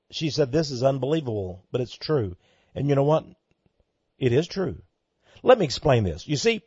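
A man with a fairly high voice hosts a ministry program, reading listener letters and answering them. He preaches emphatically, his voice shooting up when he gets worked up. The sound is dull, dry and lo-fi. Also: darkish tone, no room sound.

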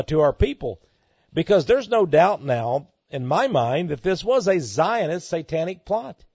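A man with a fairly high voice hosts a ministry program, reading listener letters and answering them. He preaches emphatically, his voice shooting up when he gets worked up. The sound is dull, dry and lo-fi. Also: darkish tone, dry recording.

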